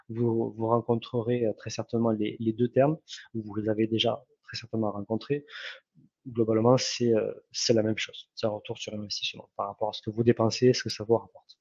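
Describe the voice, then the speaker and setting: Gravelly man teaching with many fillers. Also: mid-range voice, a little mellow, no echo, muffled recording. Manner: many fillers and self-corrections. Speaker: online ads trainer. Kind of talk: hesitant spoken lesson.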